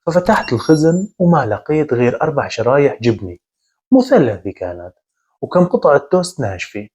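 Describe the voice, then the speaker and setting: A man narrating a first-person horror story in a measured, conversational way. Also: medium pitch, sing-song, a little mellow, slightly rough, muffled recording.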